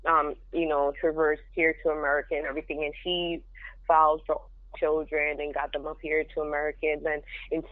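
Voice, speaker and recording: A woman's voice: sits low, little pitch movement, a little fast, dry recording. Frank young woman on a phone line. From Jamaica. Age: young adult. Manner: frank, straightforward. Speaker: podcast guest. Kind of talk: casual interview.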